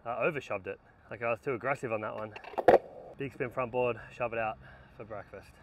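A worn-out man in his thirties mutters to himself between attempts at an outdoor skate spot, his voice at an ordinary pitch. He sits some distance from a camera mic, and outdoor noise runs clearly underneath. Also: fairly quick. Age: 30s. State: tired and worn out. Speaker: skateboarder vlogger. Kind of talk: casual self-talk while filming. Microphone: camera mic set up at a distance.

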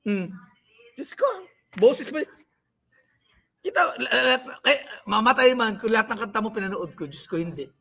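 A man's voice: high voice, moderate pace, gravelly, bright, forceful tone, breathy edge. A man hosting a livestream, mocking and scolding the people he talks about in a rant. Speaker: livestream host. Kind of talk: live-stream commentary.

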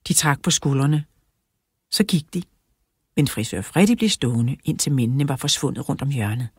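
Low husky woman reading a children's story. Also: lively intonation, no room sound, clean studio sound. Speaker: audiobook narrator.

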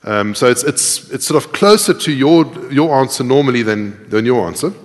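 At a moderate pace and with an animated, mid-range voice, a middle-aged programming instructor presents live code to a conference crowd, explaining step by step in a conversational way and asking them questions. The recording carries the reverberant echo of a large tiered lecture auditorium.

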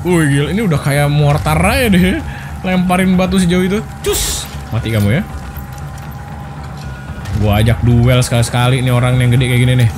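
In a voice that's a little high, at a normal speed, this young man commentates on his gameplay in a casual let's play. He jokes around with slang, squeals excitedly, and keeps things playful, with game music playing behind him.

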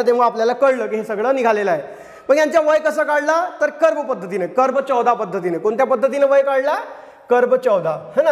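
A man's voice: very high-pitched, big-room sound. A man teaching a history lesson. He speaks with a Marathi accent, keeps asking the class questions, answers them himself and repeats the key words. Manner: often adds a tag question. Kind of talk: classroom lecture.

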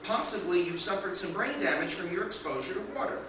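On a hotel function room stage before an audience, a man voices a polite, relentless robot caretaker of a ship in a live old-time radio recreation. His slightly high voice is calm, formal, measured and quietly menacing, picked up by a stand mic and a far camera. The sound is dull and distant, with heavy hall echo and background noise.

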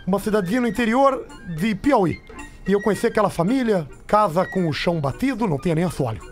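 A high-voiced man spins a comic tale on the radio. He repeats phrases to build drama, close on a studio mic with music underneath. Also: animated, fast. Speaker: radio show comedian. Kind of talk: comic storytelling in radio banter. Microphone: studio microphone, close, with headphones.

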